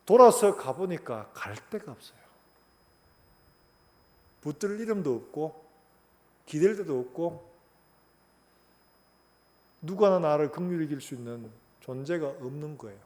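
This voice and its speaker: A man's voice: a little high, animated, a little slow, long pauses. A middle-aged man preaching a sermon as pastor, telling a story animatedly and acting out its voices.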